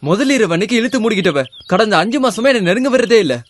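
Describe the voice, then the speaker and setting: An actor playing a frustrated young husband who threatens with a sickle and complains in a rapid, whiny way. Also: male voice, sits high, expressive. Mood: aggrieved. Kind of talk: film acting.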